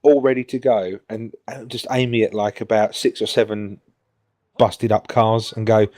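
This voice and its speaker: A man's voice: lowish voice, flat delivery, normal speed, darkish tone, no room sound. British man bantering, close and dry. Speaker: gaming show co-host. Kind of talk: casual banter over gameplay.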